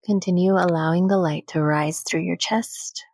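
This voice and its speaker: Long pauses separate each phrase as a woman with a fairly low, steady voice leads a soothing guided meditation at a gentle, unhurried pace. The recording has no room sound.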